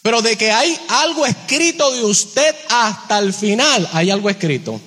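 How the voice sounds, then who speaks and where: A man's voice: lively intonation, sharp tone, husky. A man preaching a sermon, speaking straight to his listeners with rhetorical questions and drawing out key phrases. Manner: slows down on key phrases, shifts pitch a lot. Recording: long hall reverb.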